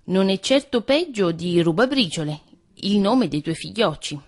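A woman voicing a sly, greedy male cat in a read-aloud fairy tale, smooth-talking and wheedling. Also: mid-range voice, lively intonation, moderate pace. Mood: coaxing.

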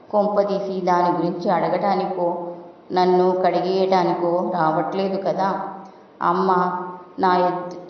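A woman narrating a short story in the first person, with a steady, even delivery. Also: fairly low pitch. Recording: distant dull echoey hall recording.

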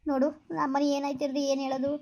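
A woman's voice: high-pitched, completely flat delivery, rapid-fire, dark tone. A woman playing a heartbroken young woman who pleads tearfully with her lover in a village skit, on a dull lo-fi recording. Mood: pleading. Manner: pleading, tearful, repeats please.

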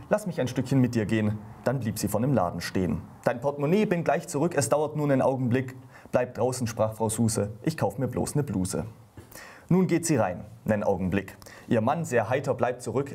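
A man hosting a local TV morning show, reading a comic poem aloud in a measured, rhythmic way. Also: mid-range voice, warm tone, slightly rough. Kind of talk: casual studio chat and poem reading.

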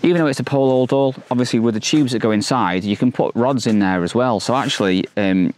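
A man's voice: mid-range voice, fast talker, darkish tone. A man in his thirties hosting a fishing channel, reviewing a product to camera outdoors by a lake, upbeat and enthusiastic with frequent fillers and restarts, on a lapel mic. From England.

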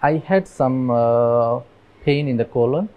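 A Bangladeshi man in his thirties, interviewed in a dim room on a lapel mic, telling his story earnestly with halting restarts. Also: medium pitch, narrow, tinny audio, faint music behind. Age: 30s. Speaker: interviewee, migrant worker. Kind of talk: documentary interview. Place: dim indoor room with fans.

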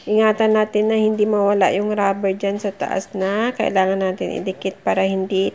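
A woman's voice: medium pitch, monotone, moderate pace, creaky, a little mellow. A middle-aged woman vlogging a home sink repair, talking casually and encouragingly to her viewers while she works. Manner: chatty, encouraging, addresses viewers as guys. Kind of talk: casual how-to vlog. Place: under a kitchen sink at home.

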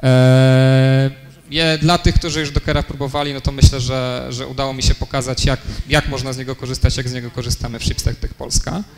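A young man gives a technical conference talk in a lecture room, explaining step by step with many fillers and self-corrections. His mid-range voice moves little in pitch and runs a bit fast. The recording carries long hall reverb and faint noise.

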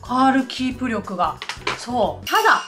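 A woman's voice: sits high, very animated, moderate pace, fairly bright tone. A woman in her thirties with a Nagoya accent, chatting casually to viewers while doing her makeup, with a self-deprecating, talkative manner. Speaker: beauty vlogger. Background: faint background music.

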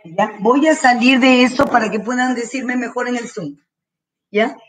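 A woman teacher giving slow, careful, repeated instructions to parents while straining her throat. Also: on the high side, far from the mic, a crowd in the background, low-quality recording. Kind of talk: online class instructions to parents. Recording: voice from away from the mic.

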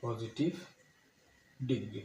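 A man's voice: fairly low pitch, slow, darkish tone. Male grammar teacher, patient and repetitive, asks and answers his own questions; echoey room, faint hiss. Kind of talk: explanatory grammar lesson.

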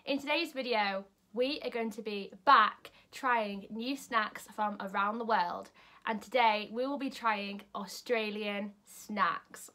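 A woman's voice: mid-range voice, takes it slowly, sharp tone. A young British woman with a British English accent hosting a casual, cheerful snack-tasting vlog from home. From United Kingdom. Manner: cheerful, upbeat, chatty. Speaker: YouTube vlogger host. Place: at home, indoors.

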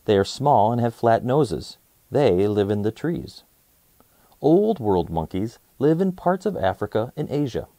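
A man hosts a reading of a children's nonfiction book, telling it expressively and enunciating clearly for young listeners. His voice sits at medium pitch and moves at a measured pace, with no room sound.

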